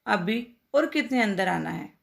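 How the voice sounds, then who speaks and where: A woman's voice: mid-range voice, animated, gravelly. A woman reading the part of a young husband who dodges a nosy neighbor with excuses and jokes. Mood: evasive. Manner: hurried excuses, light jokes. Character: flustered young husband, evasive and joking.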